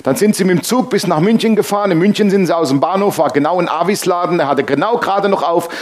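A man's voice: sits high, quick pace. A male pastor preaching a sermon, telling personal anecdotes and pressing the congregation with emphatic rhetorical questions. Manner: conversational storytelling, exclaims Amen.

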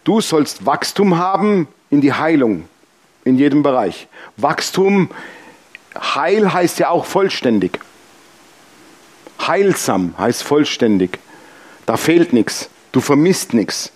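A man preaching a sermon, telling lively personal stories and acting out the dialogue. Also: fairly high pitch, slow pace, long pauses. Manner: lively storytelling, acts out dialogue. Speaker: pastor.

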